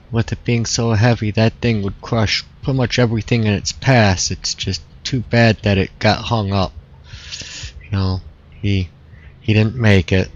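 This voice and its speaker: Talking over his game, this streamer muses in a relaxed, casual way, his lowish voice frequently looping back to begin a thought again. It sounds dull and lo-fi, as though recorded on a basic home microphone.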